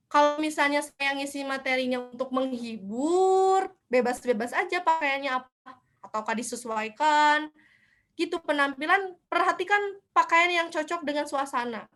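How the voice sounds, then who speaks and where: Speaking at a student seminar, a young woman delivers a relaxed online lecture in a high, somewhat bright voice. Her style is conversational, and she often asks herself questions before answering them.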